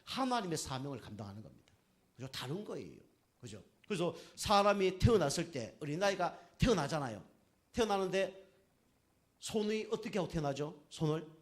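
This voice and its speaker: A middle-aged male pastor delivers a sermon in a lively, conversational way and keeps turning to the congregation with short questions. His voice sits a little high for a man and swings widely in pitch as he makes his points. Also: normal speed. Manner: lively preaching, constantly asking the congregation "right?".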